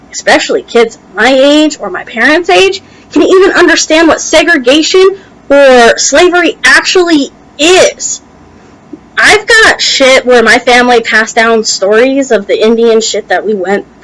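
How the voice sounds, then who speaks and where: A woman's voice: a little high, a bit bright, rough recording. A young American woman giving an opinionated vlog rant in a heated, emphatic way, her speech slightly impeded by a tongue piercing and allergies. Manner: heated, emphatic, casually profane. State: allergies making it hard to talk. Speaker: video blogger. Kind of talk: opinionated reaction rant to camera.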